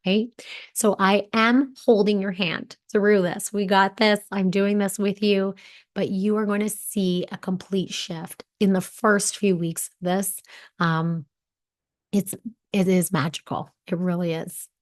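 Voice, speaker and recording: A woman in her thirties, a fertility coach, giving an earnest, encouraging webinar pitch with many fillers. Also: fairly even intonation, measured pace.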